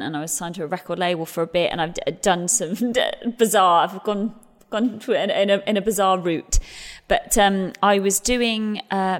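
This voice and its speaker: Recorded in a large hall, this woman in her thirties, an English musical theatre actress, talks about her career in a chatty interview conversation. She has a medium-pitched voice, frequently restarts, and laughs at herself self-deprecatingly.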